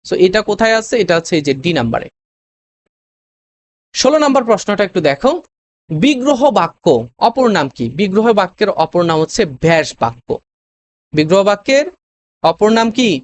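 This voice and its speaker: A tutor giving a recorded lesson, explaining step by step with many pauses, fillers and quick self-corrections, often checking that the students follow. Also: mid-range voice, big pitch swings. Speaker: admission test tutor.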